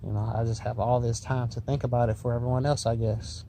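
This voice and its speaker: A man's voice: mid-range voice, level tone, fast talker. Spaced-out tripping man, noisy recording. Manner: tripping on mushrooms, spaced-out, musing, drifting and repeating himself. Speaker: vlogger. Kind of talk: rambling philosophical monologue to the listener. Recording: noisy recording with vehicle-like ambient noise.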